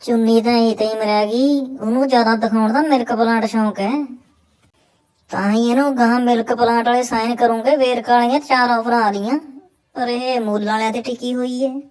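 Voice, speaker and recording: A woman's voice: on the high side, fairly even intonation, brisk, darkish tone, low-quality recording. A woman with a Punjabi accent giving mocking reaction commentary in crude, sarcastic, bawdy banter.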